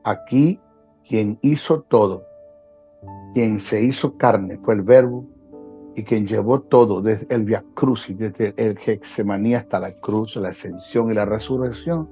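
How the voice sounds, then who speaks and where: A man's voice: fairly low pitch, unhurried. A man, a Bible teacher talking as a guest in a preaching style, repeating phrases for emphasis. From Venezuela. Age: 60s. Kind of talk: preaching-style interview talk. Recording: dull lo-fi sound with faint music.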